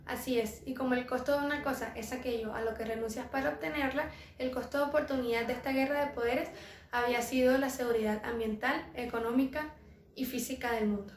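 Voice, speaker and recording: A woman with a high voice reads measured explanations from a script. Her voice rings in an echoey room. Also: fairly even intonation. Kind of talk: scripted reading.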